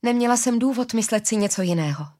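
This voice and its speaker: A woman's voice: fairly high pitch, expressive, mellow, voice pushed up, lightly acted. Arila, a remorseful young woman read by a woman. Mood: distraught.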